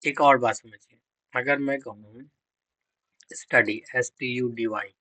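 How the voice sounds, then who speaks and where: Guy teaching grammar, keeps asking then answering himself, spells words out, bright tone. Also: medium pitch, steady tone, slow, no room sound, low-quality recording. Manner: quizzing students and answering his own questions; repeats words and spells them out letter by letter. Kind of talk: exam-prep grammar lecture.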